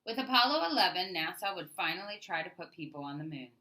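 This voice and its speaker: A woman reads a children's picture book aloud as a storyteller, her pitch fairly low and the recording low-quality. She uses emphatic, expressive delivery and deliberate phrasing.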